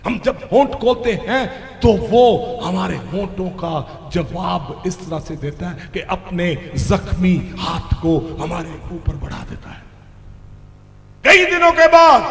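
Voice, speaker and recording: Male pastor, very high and slow, fiery revival sermon delivery, booming long hall reverb. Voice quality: mixes Hindi with English phrases. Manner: shouting fervently, calls out to the crowd. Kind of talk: healing-service sermon. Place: large hall at a church meeting. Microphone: handheld stage mic. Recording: echoey hall with rumble.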